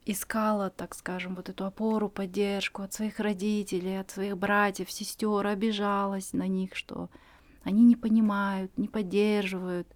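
Her voice is medium in pitch and a little mellow. As a podcast guest in her forties, she recounts her own story in an earnest, reflective way, with frequent pauses and filler words.

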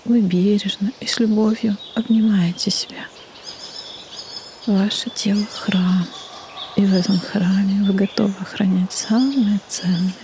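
A woman leading a guided meditation in a soft, breathy half-whisper, with soothing delivery and long pauses. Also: mid-range voice, steady tone. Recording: faint background noise, birdsong ambience. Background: birdsong and nature ambience.

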